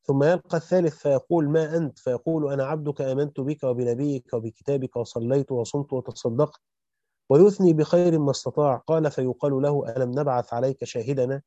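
A man reading a classical Quran commentary aloud at a rapid, even pace, correcting himself quickly now and then. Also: medium pitch, dry recording. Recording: dull lo-fi dry recording.

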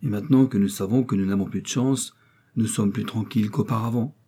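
A candid, nervous young gentleman in an audiobook, as a male reader puts him on, earnest and a little bitter, in a low, mellow, husky voice. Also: a little fast.

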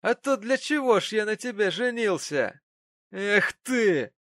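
A man's voice: high voice, unhurried, gravelly, a bit bright, dry recording, studio quality, pitched above the performer's own voice, exaggerated voice. A man voicing a cruel, drunken young husband in an audiobook, snarling and contemptuous. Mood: gloating. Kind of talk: audiobook character voice.

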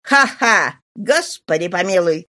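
An audiobook reader voicing a defiant, brash male worker who taunts his master loudly. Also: medium pitch, animated, slow pace. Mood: mocking. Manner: jeering, loud, taunting. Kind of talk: audiobook character voice.

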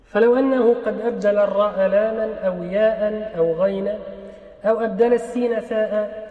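Male sheikh, high voice, patient explainer who repeats and demonstrates sounds; dull recording in a long-reverb hall. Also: steady tone, a little fast. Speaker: sheikh teaching Islamic law. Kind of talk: classical religious lesson. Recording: roomy hall, muffled sound.

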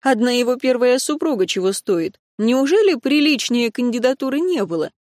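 A woman reading a novel aloud in the first person, with a wry, lively storytelling manner. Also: a little high, normal speed, no room sound, studio quality. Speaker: audiobook narrator. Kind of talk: scripted first-person narration.

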